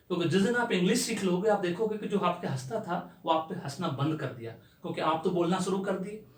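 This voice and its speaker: A man from India, an English teacher, gives a spoken lesson and spells words out letter by letter. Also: on the high side. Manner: explains at a steady pace, spells words out letter by letter. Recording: echoey room.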